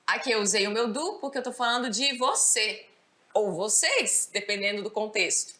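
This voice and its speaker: A woman's voice: mid-range voice, animated, moderate pace, pushed and bright, roomy sound. A woman with a Brazilian Portuguese accent teaching an English grammar lesson, explaining step by step and often checking understanding with "certo?". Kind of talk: recorded school lesson.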